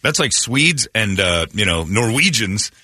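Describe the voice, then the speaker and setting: Blunt, low-voiced man ranting. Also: very animated, measured pace, pushed and bright, dry recording. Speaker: radio show host. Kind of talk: casual talk radio chat.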